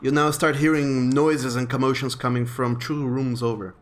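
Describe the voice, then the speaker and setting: A man's voice: mid-range voice, moderate pace, faint music behind. A man narrating as game master in a tabletop game over an online voice call, his voice cutting in and out. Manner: descriptive, relaxed narration with fillers.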